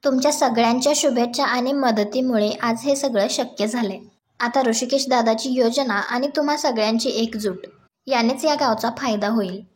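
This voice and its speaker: A woman's voice: a little high, moderate pace, natural voice. A woman reading as a rousing young brother-in-law.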